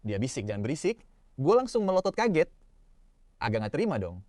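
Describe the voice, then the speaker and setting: A man's voice: fairly high pitch, brisk, no echo. Young adult male narrator, casual slangy storytelling, dry close sound. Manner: slangy Jakarta-style casual talk, expressive inner monologue. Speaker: manhwa recap narrator.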